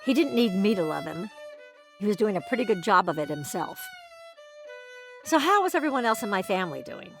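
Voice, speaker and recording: A woman's voice: medium pitch, sing-song, brisk, long pauses, fairly bright tone, faint music behind. Woman wryly narrating her dating life. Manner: wry, dry storytelling. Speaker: documentary filmmaker narrating. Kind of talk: scripted documentary narration.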